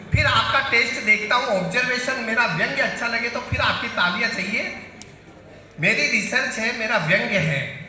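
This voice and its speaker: A man's voice: very high-pitched, bright, forceful tone, slight background noise. A man performing as a satirical poet in a live comic poetry recital, bantering with the audience on stage. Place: large hall on stage. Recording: echoey hall, faint crowd.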